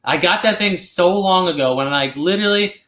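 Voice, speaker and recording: A man's voice: high-pitched, fairly quick, sharp tone. A man in his twenties hosting a casual live question-and-answer chat, rambling along with lots of fillers. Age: 20s. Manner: laid-back, rambling with many fillers. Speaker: channel host. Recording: roomy echo.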